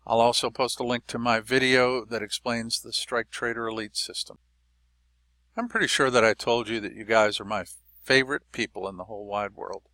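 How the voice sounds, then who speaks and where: Bright-voiced, folksy trading teacher, a man. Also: medium pitch, normal speed, dry recording. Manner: relaxed and folksy, with frequent fillers and small jokes. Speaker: trading educator. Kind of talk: explanatory market lesson.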